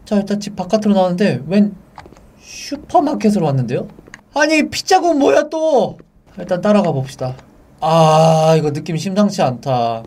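A young man commentating a horror game for viewers, chatty and excitable, yelping and shouting when the game spooks him. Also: on the high side, moderate pace, recorded from a distance. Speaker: game streamer.

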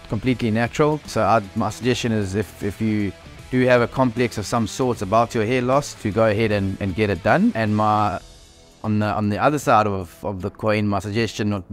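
A South African man in his thirties giving an unhurried, restart-filled testimonial interview in a bright clinic lounge on a lapel mic. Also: mid-range voice. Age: 30s. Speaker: clinic patient.

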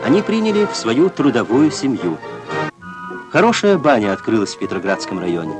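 A man's voice: medium pitch, wildly swooping pitch, a little fast. A man giving a formal, declamatory voice-over for an old newsreel. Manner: formal, declamatory announcer delivery. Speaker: newsreel narrator. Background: newsreel music under the voice.

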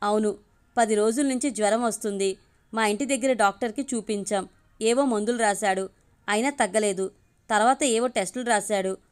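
A woman's voice: mid-range voice, moderate pace, smooth, natural voice. A woman voicing a young father who is shaken and guilt-ridden, speaking in a trembling, tearful way in a storybook reading. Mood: anguished.

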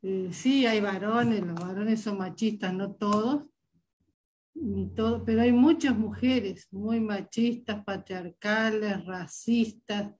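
A woman's voice: medium pitch, slow, darkish tone, slight background noise, poor audio. An older woman with a bad cold giving an informal comment on a video call, hesitantly thinking aloud. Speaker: webinar participant. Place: indoor room at home on a video call.

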